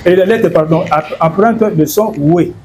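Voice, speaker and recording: A man's voice: sits high, measured pace, warm tone, a little hiss or hum. A man from Congo explaining in an interview, hesitant and repeating words and fillers. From Democratic Republic of the Congo. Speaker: guest.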